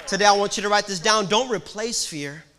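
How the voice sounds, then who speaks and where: High, bright-voiced male preacher. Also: fairly quick, a faint crowd, a little hiss or hum. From Puerto Rico. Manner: dynamic preaching with big swings from hushed to loud. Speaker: pastor. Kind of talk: sermon.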